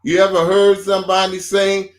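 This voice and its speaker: A high-voiced man co-hosts a faith talk show, his delivery completely flat. He keeps it informal and casually preachy, developing each point slowly with repeated phrases.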